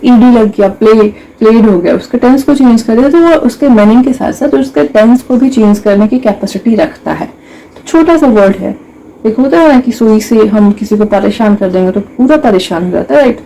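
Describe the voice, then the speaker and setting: A woman's voice: medium pitch, warm tone, a little hiss or hum, low-quality recording. A young woman teaching an English grammar lesson, mixing Hindi and English, explaining step by step and asking her students rhetorical questions.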